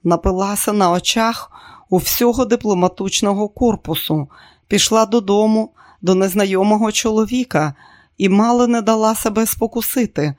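An audiobook narrator reading a novel in a steady, even voice. The pitch sits in an unremarkable middle range, and the reading moves along evenly. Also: moderate pace, no echo, studio quality.

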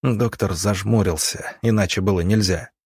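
A male audiobook narrator with a low voice reads in a measured, dramatic way. The sound is dry and close, with no room echo. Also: a little mellow, husky.

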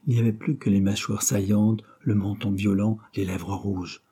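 A man narrating a classic novel as a literary audiobook, in a measured and expressive reading. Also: fairly low pitch, husky.

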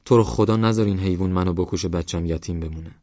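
A man's voice: sits low, warm tone, no room sound, dull audio, natural voice. A man voicing a desperate village mother who wails and pleads in a raised voice. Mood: pleading.

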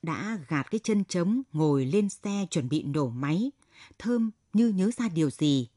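A woman narrating a short story for a late-night radio program in a calm, even storytelling manner. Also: lowish voice, unhurried, dry recording, studio quality.

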